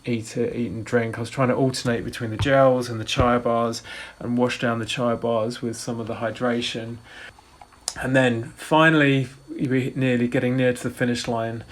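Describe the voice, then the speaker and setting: A man in his forties recounts a race in a casual, rambling way, often restarting his sentences. His voice sits at a middling pitch and stays fairly level, with little rise and fall. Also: slight background noise. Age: 40s. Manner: rambling, with frequent restarts and fillers. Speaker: ultrarunner vlogger. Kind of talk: casual race report narration.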